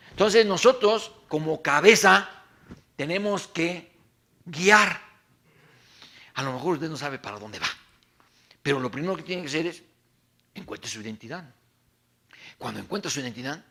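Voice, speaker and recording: Man, pastor, sermon, high voice, bright, animated storyteller. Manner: animated, rhetorical questions, storytelling. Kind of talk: sermon to a men's conference.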